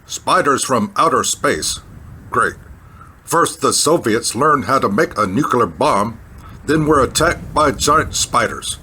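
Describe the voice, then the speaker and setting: An actor playing a brooding, melodramatic war-veteran pilot hero in a 1950s sci-fi parody. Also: male voice, mid-range voice, lively intonation, takes it slowly, sharp tone. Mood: sardonic. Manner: overwrought, brooding, dramatic storytelling. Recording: echoey hall, clearly noisy.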